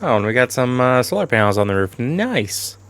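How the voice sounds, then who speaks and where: Brief: male gaming channel host, chatty and self-correcting, a bit hoarse, mid-range pitch. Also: very animated, fairly quick, fairly bright tone. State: losing his voice, clearing throat. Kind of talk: casual game commentary.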